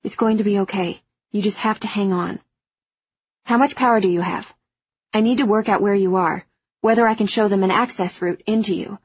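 An actress playing a fierce, protective young hacker aboard a spaceship in an audio drama, speaking with urgent, firm reassurance. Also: female voice, medium pitch, fairly even intonation, a little fast, husky, lo-fi sound, close to an everyday voice. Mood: reassuring, urgent.

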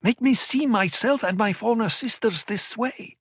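This is a distraught young woman in an audiobook, as a male narrator puts her on. The voice sits high, cries out and pleads. A gravelly, husky texture shows through, in a dry, close sound. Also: unhurried, fairly bright tone, no echo, heavily acted. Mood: angry. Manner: pleading, emotional, raised pitch. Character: anguished young woman, former warrior sister.

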